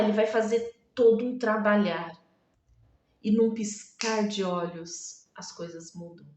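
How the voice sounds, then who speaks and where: A woman preaching an emotional sermon, pleading and dramatic, with long pauses. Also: fairly high pitch. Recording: echoey room, distant from mic.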